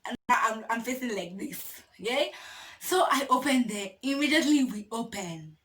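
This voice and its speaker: A young Kenyan woman telling a casual storytime to her camera, animated and laughing, dropping Swahili slang into her English. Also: on the high side, moderate pace. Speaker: vlogger.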